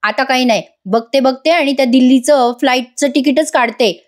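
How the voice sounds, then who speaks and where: A woman's voice: high voice, normal speed, natural voice. A woman voicing a distressed young woman who insists and complains. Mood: frantic. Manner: insistent, whiny.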